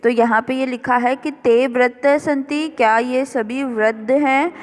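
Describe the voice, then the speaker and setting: A woman teacher explaining a revision lesson slowly and carefully, word by word. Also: high-pitched, steady tone, in a large hall, a little hiss or hum. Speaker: school teacher. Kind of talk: recorded classroom revision lesson.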